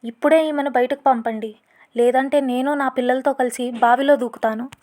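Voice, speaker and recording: A woman's voice: sits high, fairly even intonation, moderate pace, darkish tone, close to an everyday voice. A woman voicing a scornful sister-in-law who scolds harshly in a story reading. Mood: scolding.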